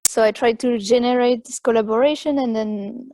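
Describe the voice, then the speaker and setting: Mellow, higher-pitched woman, dry sound. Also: fairly even intonation, moderate pace, dry recording. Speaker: artist, panel guest. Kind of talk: informal panel discussion.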